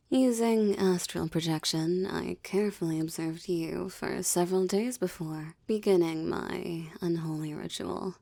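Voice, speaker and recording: This intimate roleplay drama features a woman in the role of a seductive demoness, gloating over someone she holds captive. Her slow speech comes in a dark, mellow, lowish voice with a gravelly creak, and the performance is heavily acted. Teasing and haughty, her lines often turn to breathy whispers.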